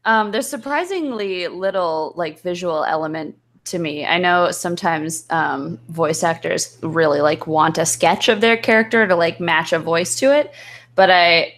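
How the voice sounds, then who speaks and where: This woman, a voice actor appearing as a guest, speaks in a lowish, unhurried, slightly bright voice. She chats casually and a bit hesitantly, thinking aloud as she explains things.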